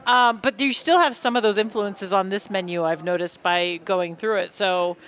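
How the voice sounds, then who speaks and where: A woman's voice: mid-range voice, fairly even intonation, normal speed, fairly bright tone. A woman co-hosting a food podcast, asking a guest a friendly question with a few fillers. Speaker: podcast co-host. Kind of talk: casual podcast talk.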